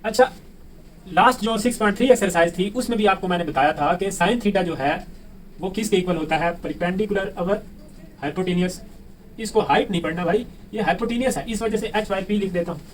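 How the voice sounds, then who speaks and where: A man's voice: high-pitched, fairly quick. A man with a Pakistani Urdu accent teaching a math lesson, who keeps asking the class questions and answering them himself. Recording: distant mic with faint room noise.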